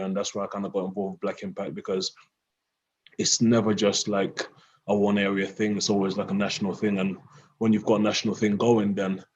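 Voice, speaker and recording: A hoarse young man, introducing himself on an online panel with hesitant fillers. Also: fairly low pitch, a little mellow, lo-fi sound. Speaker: panel guest.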